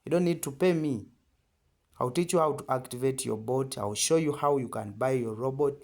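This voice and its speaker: Speaking at normal speed in a mid-range, darkish voice, this Ugandan-accented trading tutor walks through an informal tutorial one step at a time. He repeats and stresses his points and frequently pauses to ask brief questions.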